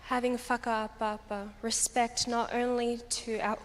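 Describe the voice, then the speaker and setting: Slow-speaking young woman, echoing hall. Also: a little high, little pitch movement. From Australia. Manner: deliberate, emphatic phrasing. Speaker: pageant contestant. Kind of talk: prepared public answer on stage. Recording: long hall reverb, background noise.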